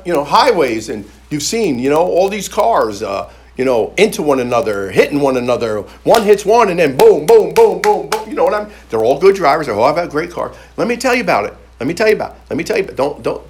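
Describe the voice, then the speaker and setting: Male preacher, lively storyteller, higher voice, repeats lines, stammers into restarts. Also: quick pace, a little hiss or hum. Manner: animated, repeats phrases for emphasis. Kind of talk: storytelling sermon.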